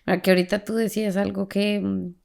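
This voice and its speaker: Woman podcast host with a heavily creaky voice, an animated storyteller in a faith conversation. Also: mid-range voice, fast. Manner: animated storyteller who laughs as she talks.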